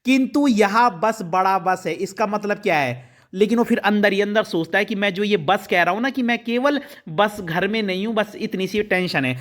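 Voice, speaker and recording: A male teacher explaining a poem to students, reading verses slowly and then explaining them in plain speech. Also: high-pitched, a bit bright. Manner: addresses students directly. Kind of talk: poetry lesson explanation.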